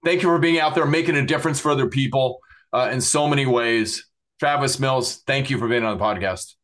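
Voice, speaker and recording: A man's voice: mid-range voice, a little fast, fairly bright tone. A middle-aged man hosting a podcast, earnestly thanking his guest and listeners and plugging websites, with many fillers. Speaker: podcast host.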